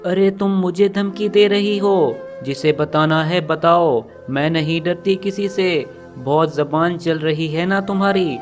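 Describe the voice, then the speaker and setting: A haughty young crow wife from a storybook cartoon, scornful and bossy, spitting out her taunts, as a man puts her on. The voice sits a little high with faint music behind it. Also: close to an everyday voice. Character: cruel arrogant young female crow wife.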